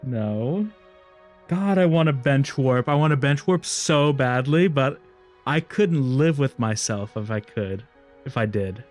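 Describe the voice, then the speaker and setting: Slow-talking man streaming a game. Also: medium pitch, expressive, darkish tone, faint music behind. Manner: talks to himself, laughs often, repeats words in frustration. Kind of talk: casual live gameplay commentary.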